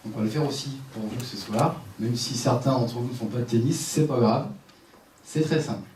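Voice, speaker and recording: A man giving a live conference talk on a headset mic, lively and directive, joking with his audience. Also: mid-range voice, moderate pace, far from the mic, a little hiss or hum. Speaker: conference speaker. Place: conference room with seated audience. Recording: echoey room, speaker off-mic at times.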